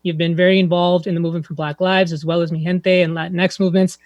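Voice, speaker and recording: Guy with pretty high voice hosting a live panel, dry close sound. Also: flat delivery, quick pace, no echo, dull audio. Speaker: co-host. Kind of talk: live show hosting, announcements and questions.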